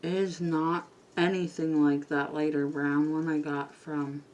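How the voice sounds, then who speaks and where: A woman's voice: low voice, flat delivery, unhurried. A woman vlogger chatting casually and rambling a little as she does her makeup at home. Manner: chatty, rambling, quiet at times. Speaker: beauty vlogger. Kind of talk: casual chat while doing makeup.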